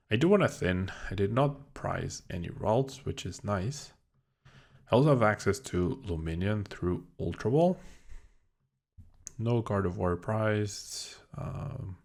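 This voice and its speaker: Man, deep voice, gravelly, unhurried, casual card-game commentary, dry sarcasm. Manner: low-key, dryly sarcastic, thinking aloud. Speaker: gameplay commentator.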